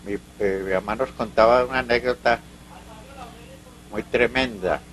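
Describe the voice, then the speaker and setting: A man's voice: medium pitch, fairly bright tone, rough recording. An older man from Colombia with a Paisa accent, telling local stories in an oral history interview. He rambles, halts and restarts as he goes. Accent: Colombian Paisa Spanish. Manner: rambling, halting, full of restarts and asides.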